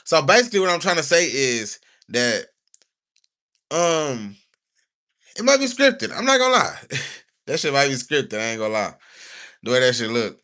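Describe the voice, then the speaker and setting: A young man talks on his livestream in a bright, forward voice at a middle pitch. His talk is loose, slangy and rambling. When he reads from notes it turns stiff. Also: sing-song, moderate pace, long pauses. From United States.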